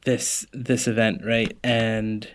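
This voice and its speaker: A man's voice: lowish voice, level tone, takes it slowly. Easygoing man podcast co-host. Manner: easygoing, hesitant, many "yeah"s and fillers. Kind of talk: casual chat.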